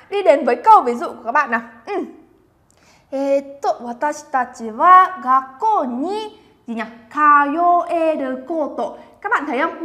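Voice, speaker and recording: A woman from Vietnam teaching Japanese vocabulary in a chatty, encouraging way, slowly repeating words for the learners to copy. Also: high voice, sharp tone. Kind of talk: lively vocabulary lesson.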